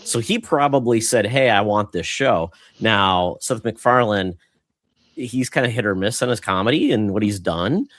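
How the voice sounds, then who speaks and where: Low-voiced man hosting a casual podcast. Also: expressive, moderate pace, a bit bright, no room sound, studio quality. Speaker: podcast host. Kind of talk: casual chat.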